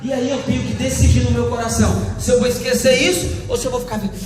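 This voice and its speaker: A man's voice: very high-pitched, little pitch movement, quick pace, faint music behind. A male pastor preaching a sermon, acting out little scenes and calling out to the congregation. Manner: preaching with acted-out quotes, calls to the congregation. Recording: echoey hall with faint ambience.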